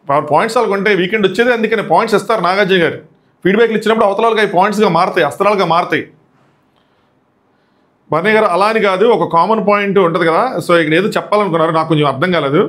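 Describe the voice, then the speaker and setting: A man's voice: sits high, very fast, fairly bright tone. A young man hosting a casual episode review, chatty and mixing English words into his talk. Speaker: YouTube show reviewer and host.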